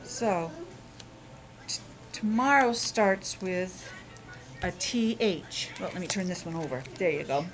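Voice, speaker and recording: Speaking slowly with long pauses, this low-voiced woman teaches young children through a playful, exclamatory interactive lesson, asking questions and sounding out words. Soft music plays behind her on a low-quality recording.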